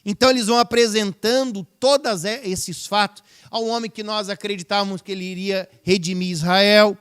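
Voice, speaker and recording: A man's voice: high-pitched, steady tone, normal speed, a bit bright, smooth. A man preaching a sermon in a church, talking conversationally and asking the congregation rhetorical questions. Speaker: pastor. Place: church service, livestreamed.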